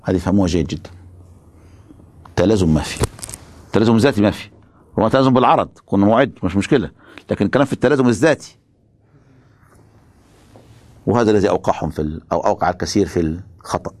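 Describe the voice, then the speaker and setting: A man's voice: on the low side, animated, fast, pauses often, darkish tone. A man giving a religious philosophy lecture, emphatic and stopping often to ask his students rhetorical questions.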